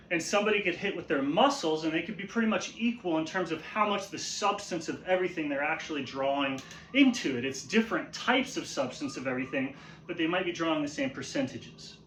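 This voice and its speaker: A man giving an informal instructional explanation as a martial arts teacher, halting and repeating his phrases as he goes, often checking in with a questioning tag. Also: on the high side, fairly bright tone, a little hiss or hum. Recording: roomy, echoey sound.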